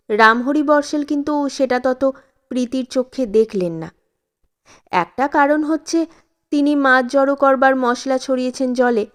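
A woman storyteller giving a calm, measured scripted narration of a classic short story. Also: sits high.

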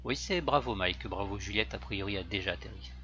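A man's voice: on the low side, a little fast. A man acting as a virtual pilot, making methodical radio calls to air traffic control through a cockpit headset. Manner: methodical, steady aviation phraseology. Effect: pilot talking into a cockpit headset mic. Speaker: virtual pilot on a flight simulator. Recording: dull lo-fi sound with steady hum.

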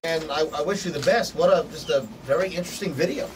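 A man's voice: fairly high pitch, fast talker, far from the mic, noisy background. A man hosting a morning radio show, brash and teasing, often laughing as he talks.

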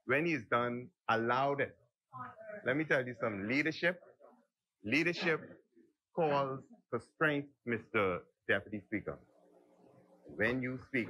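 Middle-aged Bahamian male MP, husky and pushed, folksy and heated, speaking on a desk mic in a legislative chamber. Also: pushed and bright, poor audio. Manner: heated, folksy, rambling, swings up and down in pitch. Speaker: member of parliament. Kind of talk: impassioned parliamentary speech.

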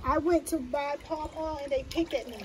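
Curious high-voiced woman on tour. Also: fairly even intonation, normal speed. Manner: curious, asks lots of questions. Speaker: tour participant. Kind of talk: casual chat. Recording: outdoor background noise.

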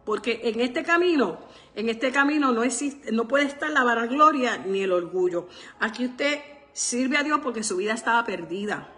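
A woman's voice: fairly high pitch, animated, normal speed, a bit bright. Fervent woman preaching on the radio. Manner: fervent, repeats "bendito sea el Señor" often; asks the listeners "¿verdad?" and addresses them directly. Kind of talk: radio sermon.

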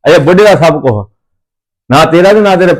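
A man's voice: a little high, expressive, normal speed. A man playing an older father-in-law in a family comedy skit, who rants, repeats himself and threatens his son. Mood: ranting. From Punjab, India. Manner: ranting, repetitive, threatening.

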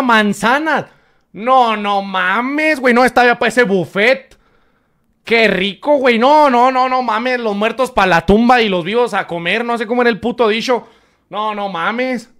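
A young man with a Mexican Spanish accent reacting to clips on a live stream in casual chat, loud and crude, laughing often. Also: extremely high pitch, measured pace.

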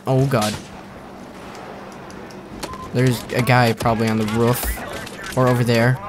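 A man's voice: mid-range voice, little pitch movement, slow. A young man giving casual, joking, rambling commentary over his own gameplay, often sarcastic. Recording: faint gunfire and game noise behind.

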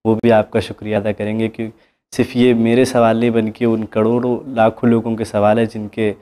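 A man's voice: lowish voice, little pitch movement, brisk, mellow. A man asking a cleric questions in an interview, polite and deferential. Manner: polite, deferential, agrees with frequent "ji". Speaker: guest questioner.

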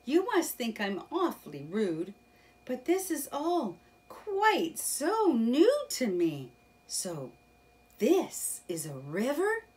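A woman voicing a timid, wide-eyed young male mole in a children's storybook reading, with a high squealing character voice. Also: huge pitch swings, slow, darkish tone, far from the mic, heavily acted. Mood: wide-eyed, eager.

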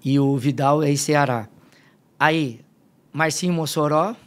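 At a slow pace, a middle-aged man with a slightly high voice shares stories during a casual podcast interview. He's a fitness coach from Limeira in Brazil's São Paulo state and a lively narrator who acts out the dialogue.

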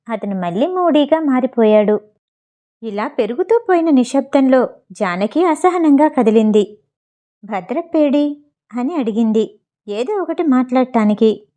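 Female audiobook narrator, slightly high, warm mellow voice, plain storytelling read. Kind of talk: reading a novel aloud.

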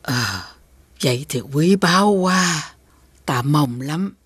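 A woman voicing a kind, generous old grandmother in an animated fairy tale. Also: deep voice, slow pace, slightly rough, no echo, studio quality, full character voice. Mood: doting. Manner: warm, doting speech. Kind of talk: cartoon dub acting.

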